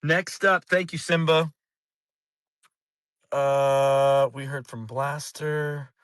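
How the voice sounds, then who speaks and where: A man's voice: a little high, fairly even intonation, extremely slow, a bit bright, smooth, no room sound. Casting note: laid-back but firm moderator guy, dry close sound. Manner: casual, firm, organizing. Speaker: host, moderator. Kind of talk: moderating a live audio room.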